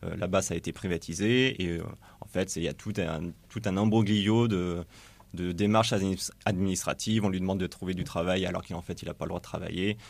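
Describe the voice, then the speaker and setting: A man reporting on a radio show in a studio, explaining his subject earnestly while pausing to search for words. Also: deep voice, fairly even intonation, vocal fry, no echo.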